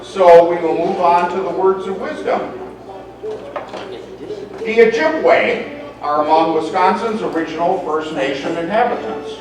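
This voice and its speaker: A man hosting a meeting, reading a legend aloud in a lively storytelling manner. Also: high-pitched, unhurried. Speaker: meeting host. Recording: echoey hall, mic far off.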